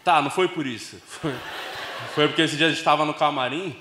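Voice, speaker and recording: A man doing stand-up with a high voice and loose, slangy delivery. He tells his story like he's talking to friends. The room is echoey, with noise behind him. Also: a little fast, sharp tone. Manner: casual, slangy, confessional. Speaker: stand-up comedian. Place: comedy club stage with live audience.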